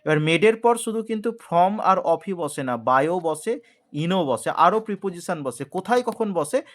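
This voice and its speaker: A man with a slightly high voice teaches an English grammar lesson to a video audience. He explains step by step and keeps checking that his listeners follow along. He slows right down to read each example sentence carefully. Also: expressive. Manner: explains slowly, often checks understanding with a question; reads English example sentences slowly and deliberately. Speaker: English tutor.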